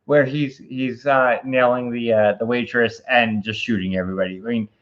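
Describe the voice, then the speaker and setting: A man's voice: mid-range voice, steady tone, normal speed, dull audio. A man co-hosting a casual movie review, tipsy and rambling, given to wild overstatement.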